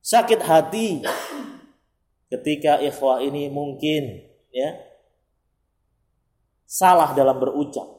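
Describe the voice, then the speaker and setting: A man's voice: a little high, slow, long pauses, darkish tone, roomy sound. A man giving an emphatic religious study lecture, sprinkling Arabic phrases and acting out everyday dialogue. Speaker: Islamic preacher.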